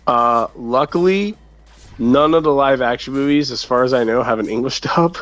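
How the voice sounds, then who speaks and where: A man's voice: medium pitch, moderate pace, a bit bright. A man co-hosting a casual gaming chat, rambling and thinking aloud as he talks. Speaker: co-host.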